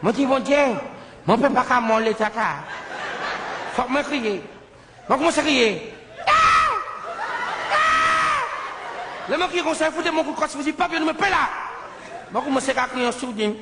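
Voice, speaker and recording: A man telling a comic story on stage in broken, childlike French, breaking into sudden shouts. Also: very high-pitched, a little fast, pauses often, crowd noise. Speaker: comedian. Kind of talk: stand-up storytelling. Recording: live show with audience laughter and background noise. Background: audience laughing.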